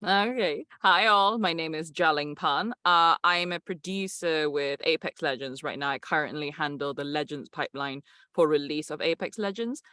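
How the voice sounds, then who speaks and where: Producer, articulate, dry close sound. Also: male voice, on the high side, moderate pace, sharp tone, clear, resonant tone, dry recording. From Malaysia. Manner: articulate, explanatory. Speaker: game producer. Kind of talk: interview answers.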